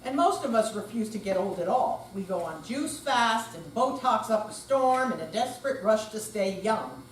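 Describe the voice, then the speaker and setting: At a live indoor show in a senior center hall, an older amateur readers theater performer gives a dramatic reading. She speaks at normal speed in a mid-range voice with lively intonation, picked up from afar in an echoey space with faint background noise.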